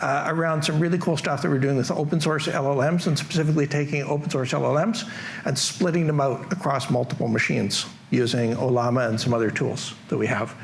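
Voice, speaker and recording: A middle-aged Canadian man gives a casual tech conference talk in a large hall, joking and poking fun at himself. His voice is medium-pitched and gravelly with fairly even intonation, a little fast, and the audio carries a slight hiss or hum.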